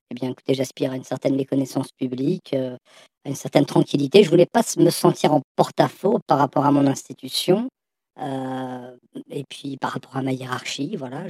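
A man's voice run through a voice changer, in his fifties, with a mellow, darkened tone. He answers slowly and haltingly, stopping and restarting his phrases. The sound is close and dry. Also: mid-range voice, no echo. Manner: hesitant, halting, many restarts. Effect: voice disguised by a voice changer. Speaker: anonymous teacher guest. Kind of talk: radio interview answers.

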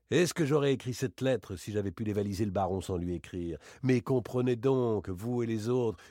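A man voicing a playful, boastful gentleman thief in a dramatic audiobook reading, teasing and theatrical. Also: slightly rough, no echo, studio quality. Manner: teasing, theatrical, swings between bright exclamations and low asides.

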